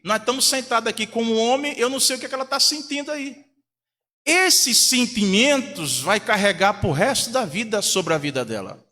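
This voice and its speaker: A man's voice: high voice, sharp tone, long reverb tail. A man, a pastor from Brazil, preaching a sermon in a church, telling a family story and acting out the voices of the people in it. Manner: storytelling, acts out quoted voices. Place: church hall.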